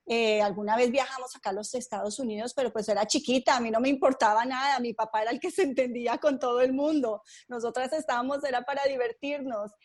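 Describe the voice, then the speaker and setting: Unhurried Colombian-born woman guest. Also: a little high, a little mellow. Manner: thoughtful, unhurried storytelling with frequent fillers. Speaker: podcast guest. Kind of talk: conversational interview.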